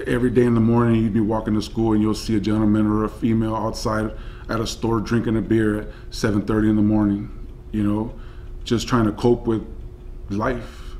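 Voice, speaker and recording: A man in his forties, a senior supervisor, speaking in a measured, reflective way in a seated office interview. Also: lowish voice, dark tone. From United States. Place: office with flag and plant.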